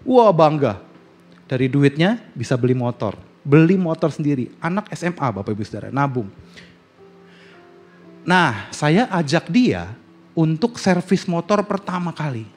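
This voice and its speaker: A male pastor preaching a sermon, telling a family story, acting out the dialogue and swinging between loud outbursts and hushed asides to the congregation. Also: on the high side, sing-song, a little slow, long pauses, faint music behind. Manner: addresses congregation often. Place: church sanctuary.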